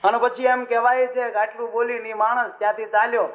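High-voiced preacher telling stories. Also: male voice, fast talker. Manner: animated storytelling with questions to listeners. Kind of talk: devotional story sermon. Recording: dull recording with faint music.

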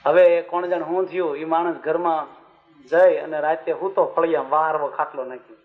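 A man preaching a devotional sermon, telling stories in a lively way and asking his listeners questions. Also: a little high, normal speed. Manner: animated storytelling with questions to listeners. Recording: dull recording with faint music.

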